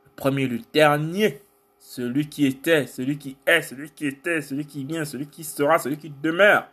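A man leading spontaneous worship and prayer, fervent, with drawn-out exclamations and chanted litanies of titles. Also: fairly high pitch, steady tone, a bit bright, husky. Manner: slow, repeating titles in litany. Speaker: worship leader.

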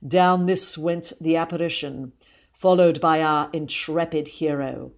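Low-voiced woman reading a storybook. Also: steady tone, measured pace. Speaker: podcast host and reader. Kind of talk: reading a children's book aloud.

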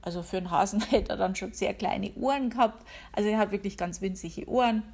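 A woman's voice: medium pitch, fairly quick, a little mellow, slightly rough. A woman from the Upper Palatinate, hosting her own podcast from home in a chatty, self-ironic way. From Upper Palatinate, Bavaria, Germany. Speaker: podcast host. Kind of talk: casual solo podcast monologue. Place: home, working from home.

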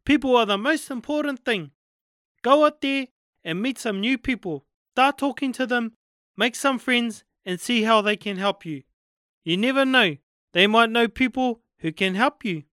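A narrator voicing a wise, patient grandparent in storybook dialogue, with a Māori New Zealand accent and a measured, instructive manner. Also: medium pitch, a bit bright, no room sound, studio quality, natural voice. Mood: patient, teaching. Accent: Māori New Zealand English.

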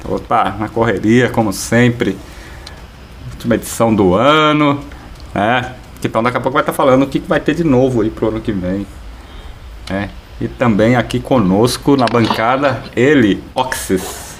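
A man's voice: mid-range voice, moderate pace, a little hiss or hum. A man with a Brazilian accent hosting a casual live radio talk show.

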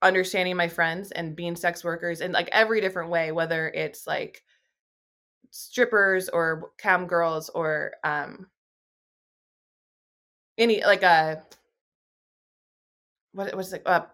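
Slightly low-voiced woman, candid astrologer guest, rambles loosely with lots of fillers. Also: steady tone, takes it slowly, pauses often, a bit bright. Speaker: astrologer and YouTuber. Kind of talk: casual podcast conversation.

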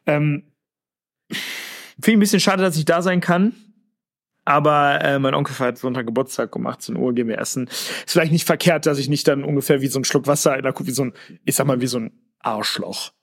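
A young man with a Lower Rhine accent, co-hosting a casual podcast chat, jokey and often trailing off mid-sentence. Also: a little fast, vocal fry. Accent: Lower Rhine German. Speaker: podcast co-host.

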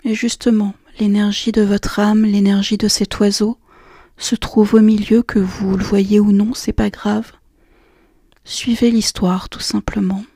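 A woman guiding a relaxation and meditation session in a soft, slow, half-whispered voice. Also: medium pitch, level tone, breathy edge, no room sound, clean studio sound. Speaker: relaxation guide. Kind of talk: guided meditation.

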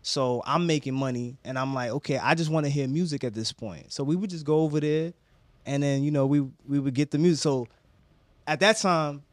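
Slangy man, higher-pitched, in dry close sound. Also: fairly quick, no room sound. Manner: slangy, animated retelling with acted-out quotes. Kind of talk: casual storytelling chat.

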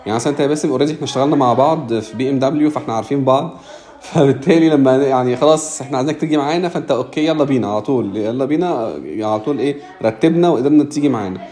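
A man's voice: medium pitch, racing, warm tone. A man with an Egyptian Arabic accent, hosting a casual discussion and mixing English business terms into his speech. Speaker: host of a live audio discussion.

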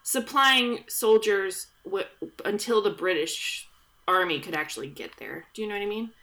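A woman's voice: medium pitch, normal speed, a bit bright. A woman hosting a podcast, retelling history in a chatty, jokey way with plenty of fillers and asides into a studio mic. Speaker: podcast host. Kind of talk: casual history chat. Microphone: studio podcast microphone.

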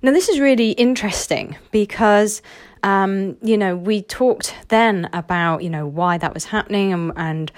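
A woman's voice: medium pitch, a little slow, no room sound, studio quality. A woman working as a career coach, telling a client story in a chatty way with many fillers and restarts. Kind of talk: casual talking-to-camera advice.

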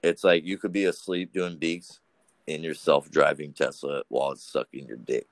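A young man chatting casually on a podcast, rambling and crude, telling stories with animated voices. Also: rumbling low, moderate pace, dry recording. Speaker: podcast guest. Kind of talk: casual profane chat.

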